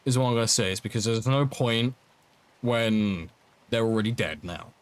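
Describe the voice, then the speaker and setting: A man's voice: lowish voice, moderate pace, clear, resonant tone. A man running a tabletop game as dungeon master, narrating casually with offhand asides.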